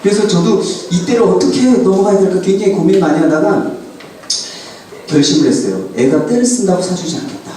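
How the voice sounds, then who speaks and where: A pastor lecturing a church class in an animated way, often quizzing his listeners with questions. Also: high-pitched, a little fast, a little hiss or hum. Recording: roomy hall from a distant mic.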